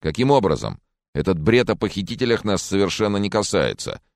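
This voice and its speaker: A man voicing a nervous, excitable young male student who talks in a raised, agitated way, in an audiobook thriller. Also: sits low, brisk, vocal fry, dry recording, voice pushed up, heavily acted. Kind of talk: audiobook character reading.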